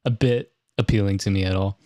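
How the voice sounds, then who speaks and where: Man, podcast host, low voice, dry close sound, laid-back, laughs often. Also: fairly even intonation, a little fast, dark tone, no room sound. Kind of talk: casual interview chat.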